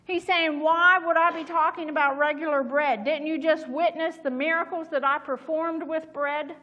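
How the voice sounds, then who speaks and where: Through a small microphone at the pulpit, a middle-aged woman pastor delivers a sermon with scripture reading, earnest and measured. Her high, somewhat bright voice keeps a fairly even intonation, the highs are cut off, and the sanctuary adds a long reverb.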